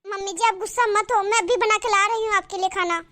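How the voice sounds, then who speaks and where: A meek young cartoon daughter-in-law who apologizes and pleads softly, voiced by a woman. Her voice is very high and bright, with a crisp, tense shine. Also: fairly even intonation, quick pace, slight background noise. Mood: pleading. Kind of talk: cartoon voice acting.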